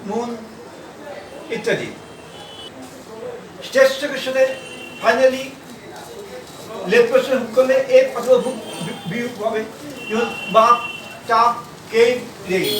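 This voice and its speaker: A man teaching shorthand in a classroom style, pausing and repeating words as he writes out examples. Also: very high-pitched, noisy background. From India. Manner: halting, repeats words while writing. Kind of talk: classroom lesson. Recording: echoey room, mic far off.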